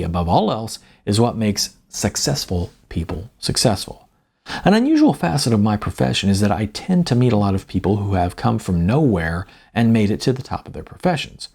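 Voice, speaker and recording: Reading a scripted account of his own experiences, this man speaks in a husky, gravelly voice and leans into his words with deliberate emphasis. His voice is lowish and slightly mellow.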